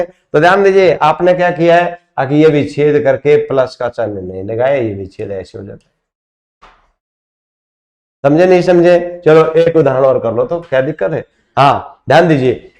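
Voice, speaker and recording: A man's voice: on the high side, darkish tone. Man teaching grammar at a whiteboard. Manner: explains step by step, asks rhetorical questions; addresses students as friends.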